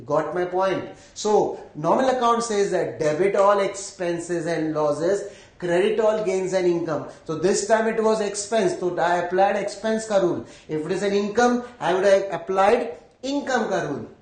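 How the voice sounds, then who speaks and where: A man with an Indian accent teaches accounting in a live lecture, walking through each step, repeating phrases, and checking that everyone is following. His voice sits high and he speaks at a normal speed, in an echoey room.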